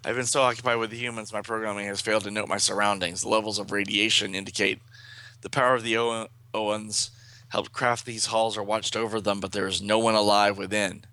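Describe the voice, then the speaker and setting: A man voicing a resigned female robot from a comic book in a gravelly, formal, declamatory way. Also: on the low side, flat delivery, a little fast, bright, forceful tone. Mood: grave, regretful. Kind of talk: comic-book dialogue read aloud.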